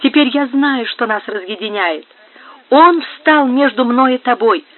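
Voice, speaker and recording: A man's voice: extremely high pitch, expressive, a little slow. A man reading a heartbroken, jealous young man with anguished intensity, heard through a narrow phone-like sound.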